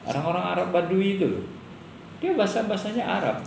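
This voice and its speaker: A man's voice: sits high, expressive, fast, gravelly. Middle-aged male lecturer, casual and joking, tosses rhetorical questions to the class; roomy room, faint noise. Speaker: university lecturer.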